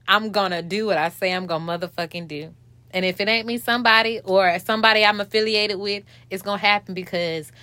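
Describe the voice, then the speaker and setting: A woman's voice: fairly low pitch, bright, forceful tone, dry recording. A woman hosting her own podcast, talking candidly and emotionally in profane street slang, choked up and hiccuping. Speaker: podcast host.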